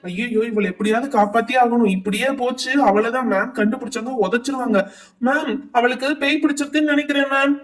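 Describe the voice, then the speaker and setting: A sly schoolboy classmate, voiced by a woman in a doll pretend-play story, plotting under his breath to fool the teacher. The voice sits fairly high and sounds echoey, recorded away from the mic. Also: steady tone, quick pace, distant mic, close to an everyday voice. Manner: sly, conspiratorial.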